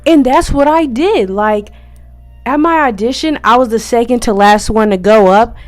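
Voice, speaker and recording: A woman's voice: a little high, moderate pace, no room sound, faint music behind. A young woman vlogger sharing friendly, encouraging tips as a first-year scare actor, in a chatty, upbeat way. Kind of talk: friendly tips vlog, partly scripted.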